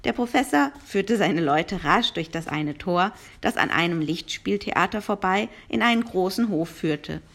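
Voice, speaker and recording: A woman narrating a children's adventure novel with lively storytelling. Her voice sits fairly low for a woman. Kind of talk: reading a children's novel aloud.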